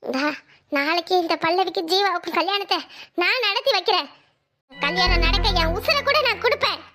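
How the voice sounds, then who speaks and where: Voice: extremely high pitch, lively intonation, moderate pace, music in the background. A performer voicing a frantic young sister-in-law who wails to God and mutters to herself. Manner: wailing, calling on God, talking to herself. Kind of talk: Tamil family drama voiceover.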